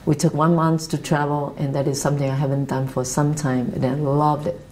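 A Taiwanese woman in her fifties, with a Taiwanese accent, speaking earnest, halting English with restarts as she tells her life story, seated in an office meeting room. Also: deep voice, little pitch movement, a little mellow, a little hiss or hum, poor audio. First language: Mandarin Chinese. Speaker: interviewee. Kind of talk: reflective life-story interview.

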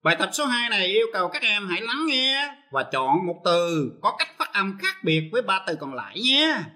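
A man teaching an English lesson on television, explaining each step slowly and patiently. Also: high voice, big pitch swings, sharp tone. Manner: explains step by step, switching between Vietnamese and English.

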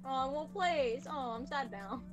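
A woman's voice: sits high, expressive, unhurried. A young woman chatting casually and teasingly as she plays a group game. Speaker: player in a group guessing game. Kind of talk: casual gaming chat. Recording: loud music behind the voice.

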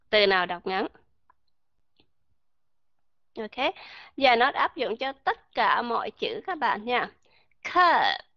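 A woman's voice: on the high side, sharp tone, no room sound. A woman teaching an English pronunciation class, calling herself by name and quizzing her students. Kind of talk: classroom lecture. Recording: dull lo-fi dry recording.

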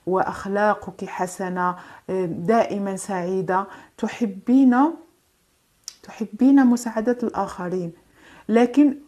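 Female tarot reader, soft-toned and warm, slow soothing delivery with hesitations. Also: medium pitch. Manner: gentle, reassuring, drawn-out phrasing with hesitations and French phrases. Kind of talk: tarot card reading.

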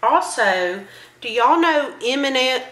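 Young woman chatting, slightly high voice. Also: lively intonation, takes it slowly, fairly bright tone, low-quality recording. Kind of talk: casual vlog chat. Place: room at home.

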